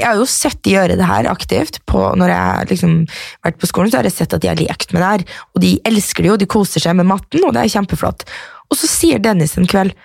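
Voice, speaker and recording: A woman's voice: medium pitch, vocal fry, no room sound, clean studio sound. A woman in her twenties co-hosting a podcast, telling stories in casual chat and laughing often. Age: 20s. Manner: chatty storyteller, laughs often. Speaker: podcast co-host.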